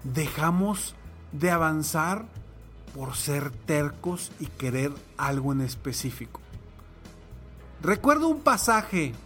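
A man's voice: on the high side, big pitch swings, slow, fairly bright tone, soft background music. A man giving a reflective motivational talk, telling a personal anecdote and a parable and asking the listener rhetorical questions. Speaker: motivational speaker.

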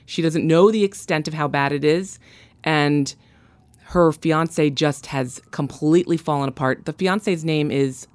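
A woman with a low voice chats casually on a podcast. She tells a story with enthusiasm and acts out the characters' lines as she goes. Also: measured pace. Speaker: guest.

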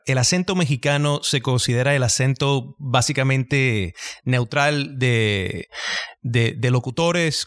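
Man, interviewer, probing, halting, slightly high-pitched. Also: fairly bright tone. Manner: probing, halting with fillers and restarts. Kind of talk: interview questions.

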